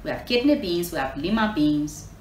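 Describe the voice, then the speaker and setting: Reading a story to children and turning it into a lesson, a woman from Liberia speaks in a teacherly way, repeating lines and asking her audience questions. Her voice is on the low side and a little mellow, with lively intonation at normal speed. Echo fills the room, and background noise is clear.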